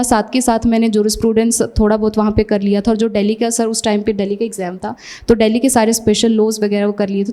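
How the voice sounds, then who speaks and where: A young woman from Haryana, talking very fast in a casual interview and slipping English phrases in as she speaks. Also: on the high side, warm tone. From Haryana, India. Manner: talks very fast; mixes English phrases into Hindi. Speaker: successful exam candidate being interviewed.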